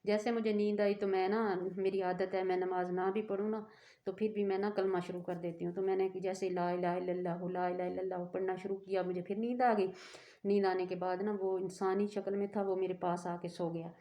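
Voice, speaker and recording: A woman's voice: medium pitch, little pitch movement, brisk, dull audio. A woman telling a personal story in a rambling, earnest way that keeps interrupting itself. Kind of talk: casual storytelling to camera.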